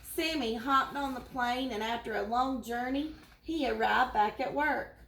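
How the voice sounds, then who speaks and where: A woman teacher reading a storybook aloud to children, with warm, expressive storytelling. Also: fairly high pitch, measured pace, slight background noise. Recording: roomy echo.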